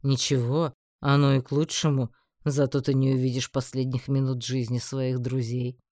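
A man's voice: medium pitch, little pitch movement, darkish tone, dry recording, studio quality, lightly acted. A man playing a cold mocking emperor. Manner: slow, mocking, menacing. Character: cold, scheming male emperor, middle-aged. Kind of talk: audiobook character voice.

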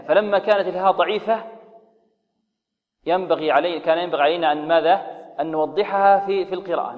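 A man teaching Quran recitation rules, explaining slowly, asking rhetorical questions and modeling recited examples. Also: a little high, in a large hall, phone-quality sound. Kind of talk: tajweed lesson with recited examples.

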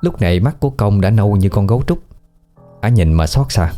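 A man narrates a scripted story in a steady, even way. His voice is very deep and mellow, and soft music plays faintly behind him. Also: fairly quick.

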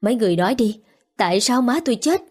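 A woman's voice: mid-range voice, expressive, moderate pace, darkish tone, breathy edge. A woman voicing a grieving young wife who confronts those who let her mother die. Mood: furious. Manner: pleading, then accusing. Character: young wife, grief-stricken and furious.

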